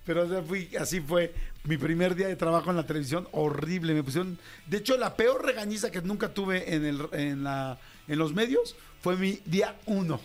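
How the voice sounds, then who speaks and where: A man's voice: high-pitched, moderate pace. A Mexican man in his fifties, a radio host animatedly telling a slangy story about his first job and acting out the voices in it. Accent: Mexican Spanish. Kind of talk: casual storytelling.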